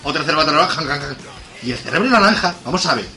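A man's voice: a little high, quick pace, faint music behind. A man, chatting casually on a podcast and acting out film scenes with quoted voices. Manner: animated, acts out scenes with quoted voices and laughs.

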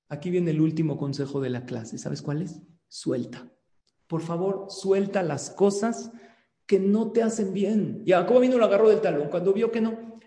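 Mellow-voiced rabbi teaching in an echoey room. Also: male voice, sits high. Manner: animated teacher, asks the listeners questions. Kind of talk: religious lecture over a video call. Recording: echoey room with long reverb.

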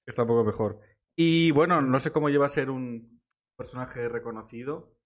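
A man interviewing a guest in a casual chat, dropping in short, quick questions. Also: mid-range voice. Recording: slightly dull lo-fi audio.

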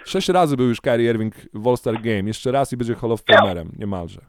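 A man co-hosting a podcast, chatting casually in an animated, rambling way and often correcting himself mid-sentence. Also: mid-range voice, brisk, slight background noise. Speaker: podcast co-host. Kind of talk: casual chat.

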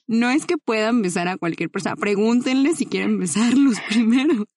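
A woman's voice: on the high side, moderate pace, darkish tone, no room sound, clean studio sound. A young woman, co-hosting a podcast and telling a rambling, giggly story in casual chat. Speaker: podcast co-host.

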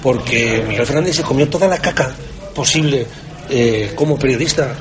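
A man's voice: mid-range voice, moderate pace, a crowd in the background. A man with a Spanish accent, a sports journalist, talking candidly and emphatically in a colloquial interview. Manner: emphatic, colloquial, rhetorical questions.

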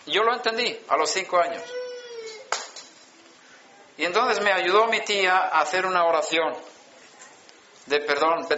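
A man, telling his testimony from the pulpit in a bright, fairly high voice. He paces the story slowly, with emphatic pauses. The sound is dull and lo-fi, like an old conference recording. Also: slight background noise. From Sweden. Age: 60s. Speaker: preacher. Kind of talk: sermon testimony.

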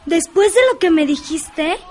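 A woman's voice: very high voice, unhurried, a little mellow. A woman playing a frank, down-to-earth teenage girl in an educational radio drama.

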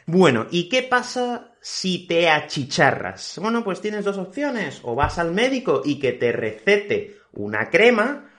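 Man from Spain teaching Spanish, lively pitch. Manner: repeats key words slowly and checks with "¿ok?". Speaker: Spanish teacher, podcast host. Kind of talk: slow, clear teaching podcast for learners.

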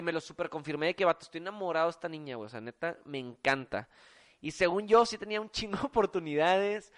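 A young man with a Mexican accent telling a story in casual chat, slangy and profane, with a filler word in nearly every phrase. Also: a little high. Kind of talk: casual storytelling among friends.

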